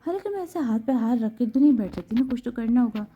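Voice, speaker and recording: A woman's voice: on the high side, animated, slightly rough, phone-quality sound. Woman voicing a tearful young wife. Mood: pleading. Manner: pleading, tearful. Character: distraught young pregnant wife.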